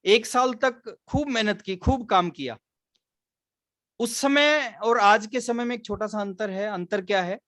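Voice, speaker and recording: A man's voice: high-pitched, measured pace, a bit bright, no echo, clean studio sound. A man, giving an earnest motivational business training talk, mixing English words into his speech. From Haryana, India. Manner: earnest storytelling, mixes English words into Hindi.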